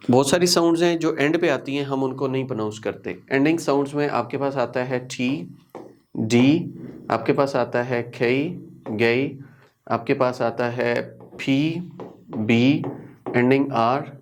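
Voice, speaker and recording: A man, teaching English pronunciation in a recorded lesson, repeating each word and spelling out its sounds. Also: mid-range voice. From Pakistan.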